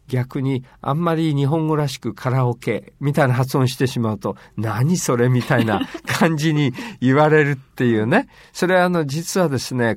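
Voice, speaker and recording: A man's voice: medium pitch, dry recording. A man co-hosting a casual bilingual talk about language, chatty, with lots of fillers and playful asides. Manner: lively, lots of rhetorical fillers and playful quoted voices. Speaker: co-host explaining language.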